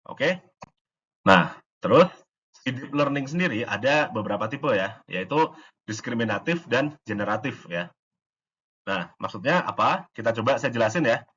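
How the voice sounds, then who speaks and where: A man with a slightly husky voice explains AI concepts in a relaxed, informal lesson. He talks loosely, with fillers and restarts, and now and then acts out short exchanges. The recording sounds somewhat dull and lo-fi. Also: medium pitch, normal speed. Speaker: AI course instructor.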